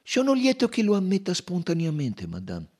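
A man's voice: high voice, wildly swooping pitch, moderate pace, a little mellow, pitched above the performer's own voice, heavily acted. A man voicing a shrewd middle-aged detective who presses his questions with pointed insistence. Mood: probing.

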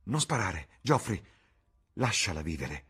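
Man doing troubled young gentleman, sensitive, earnest, emotional, low, husky. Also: big pitch swings, a little slow, full character voice. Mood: pleading.

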